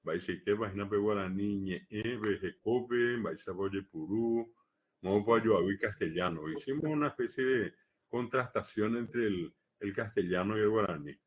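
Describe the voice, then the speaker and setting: A man giving a live academic lecture, measured and explanatory, pausing often on hesitation fillers. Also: lowish voice. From Paraguay. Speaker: lecturer on the Guaraní language.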